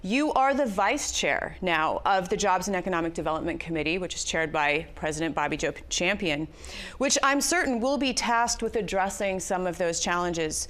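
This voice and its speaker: A woman interviewer asking prepared questions in a measured, formal broadcast manner. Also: on the low side, animated, fairly bright tone.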